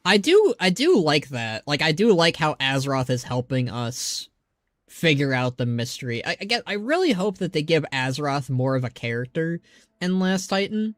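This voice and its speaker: A man's voice: on the high side, sing-song, moderate pace, a bit bright, no echo, studio quality. A man doing casual live game commentary, rambling conversationally as he thinks aloud. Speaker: live streamer.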